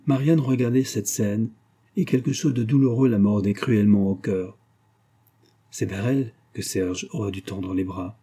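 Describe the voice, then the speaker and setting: A man narrating an audiobook with a low, very dark voice and a husky grain. His reading is steady and even, carrying the story along at an unhurried pace. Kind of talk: scripted narration.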